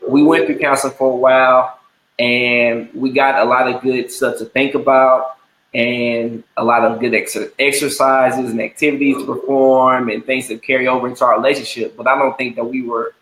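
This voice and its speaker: Guest, male, about 30, earnest and measured, echoey room sound. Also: medium pitch, level tone, a bit bright. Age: 30s. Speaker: interview guest. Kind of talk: conversational interview. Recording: roomy echo.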